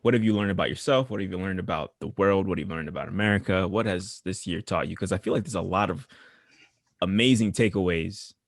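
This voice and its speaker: A man hosting a casual podcast chat, asking the group questions in a gravelly voice. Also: fast, no room sound, studio quality. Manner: gravelly, swings pitch widely, asks the questions.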